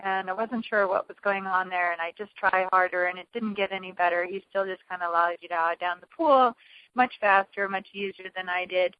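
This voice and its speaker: A woman triathlon and swim coach from New England in a phone interview, talking with many pauses and restarts. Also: fairly low pitch, fairly even intonation. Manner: hesitant, many fillers and restarts. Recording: dull phone line.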